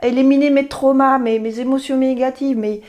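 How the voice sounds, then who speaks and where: A Belgian woman in her 50s, a therapy practitioner, speaks earnestly to camera in a personal talk. Her high, darkish voice keeps a fairly even intonation at a moderate pace, and she rambles and corrects herself along the way.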